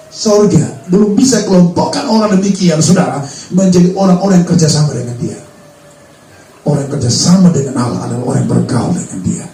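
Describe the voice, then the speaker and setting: A man preaches a sermon with a high, lively voice that swings up and down as he fires rhetorical questions at the congregation. He is picked up from a distance in a roomy church hall, with faint ambient noise behind him. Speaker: pastor. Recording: roomy hall sound from far off.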